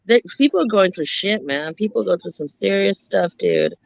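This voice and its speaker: A woman's voice: medium pitch, huge pitch swings, moderate pace, creaky, no room sound. Woman, 40s, dry close sound, a bit dull and lo-fi, laughs a lot while telling stories. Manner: laughs often, tells stories with lots of "I'm like". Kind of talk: casual chat.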